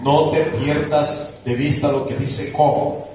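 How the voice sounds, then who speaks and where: A man's voice: a little high, steady tone, slow pace, a little mellow. A man preaching a sermon. He is emphatic, repeats key phrases and stretches words for emphasis. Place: church hall. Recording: echoey church hall, distant mic, background noise.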